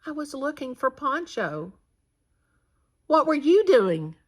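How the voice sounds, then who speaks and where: A woman's voice: high-pitched, sing-song, slow, voice pushed up, full character voice. A woman voicing an earnest young girl searching for her lost dog in a storybook read-aloud. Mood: worried.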